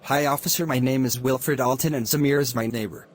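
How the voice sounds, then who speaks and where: A man's voice: medium pitch, fairly even intonation, brisk, lightly acted. A man as an unsure neighbour witness, faint noise. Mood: hesitant. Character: ordinary married male neighbour, an unsure witness. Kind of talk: amateur murder mystery film acting.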